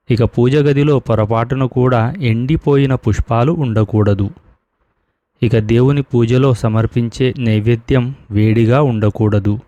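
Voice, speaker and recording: A man speaking as a spiritual teacher, calmly setting out one rule of worship after another in a scripted devotional talk. His voice is dark and mellow, with a dry, close sound and no room echo. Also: medium pitch. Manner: steady, didactic listing of rules.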